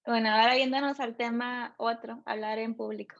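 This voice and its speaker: Female podcast interviewer, fairly high voice, flat delivery; muffled lo-fi sound. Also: a little fast, gravelly. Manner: calls herself monotone.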